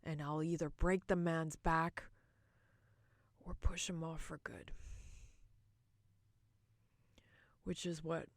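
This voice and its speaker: Voicing a bitter, boozy middle-aged wife in a theatrical monologue, a woman sounds mocking and self-loathing, with dramatic pauses and swings between loud and quiet. Her voice sits low with little pitch movement, there is no echo, and the mood is grim and self-loathing.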